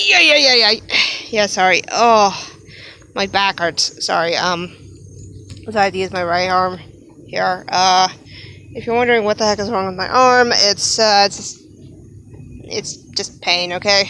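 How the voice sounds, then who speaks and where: A woman's voice: mid-range voice, steady tone, unhurried, pauses often, fairly bright tone, a little hiss or hum. A young adult woman talking casually in a rambling vlog monologue, laughing often and breaking off to apologize. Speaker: vlogger.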